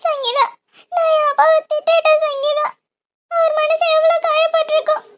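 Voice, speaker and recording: A woman's voice: very high-pitched, little pitch movement, normal speed, background noise. A woman voicing a young female college student in a cartoon, emotional and apologetic. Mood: tearful. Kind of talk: cartoon dialogue.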